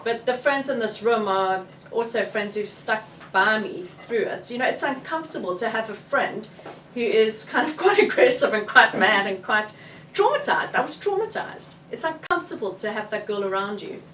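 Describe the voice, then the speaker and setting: A woman's voice: medium pitch, lively intonation, moderate pace, fairly bright tone. A South African woman, an author, talks frankly and with animation at a bookshop launch. She sounds some distance from the mic. A roomy echo and faint room noise surround her voice. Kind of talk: candid book launch discussion.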